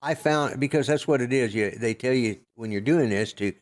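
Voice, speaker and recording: An older man co-hosting a podcast, chatting casually in a gruff, rambling way with lots of fillers and restarts. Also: medium pitch, moderate pace. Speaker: podcast co-host. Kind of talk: casual chat.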